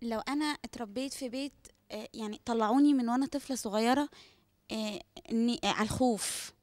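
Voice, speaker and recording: Hesitant, quick Egyptian woman. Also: on the high side, darkish tone. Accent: Egyptian Arabic. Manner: hesitant, halting restarts. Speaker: church servant asking a question.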